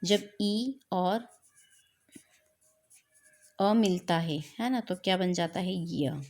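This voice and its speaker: A woman's voice: on the low side, extremely slow, a little mellow. Woman teacher quizzing herself aloud. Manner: repeats points, asks and answers her own questions; mixes English words into Hindi. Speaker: Hindi grammar teacher. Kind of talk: classroom lesson explanation.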